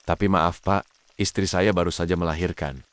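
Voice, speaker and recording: A man voicing a sweet, affectionate young husband and new father in an animated drama. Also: sits low, normal speed, clear, resonant tone, no room sound, lightly acted.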